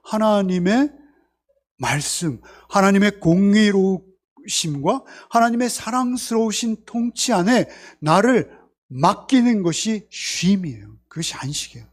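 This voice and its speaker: A male pastor preaching in a church, his voice sitting high for a man. He talks earnestly to the congregation, repeating key words for emphasis and asking rhetorical questions. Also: animated, measured pace. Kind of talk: Sunday sermon.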